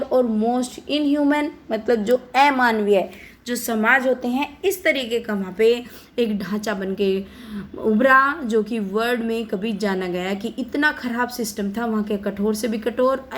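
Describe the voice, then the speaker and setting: A woman's voice: fairly high pitch, a bit bright. A woman English teacher with an Indian accent, reading a text aloud phrase by phrase and then explaining it in Hindi mixed with English. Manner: reads English lines slowly, then explains them briskly in Hindi mixed with English. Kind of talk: explaining a worksheet text line by line.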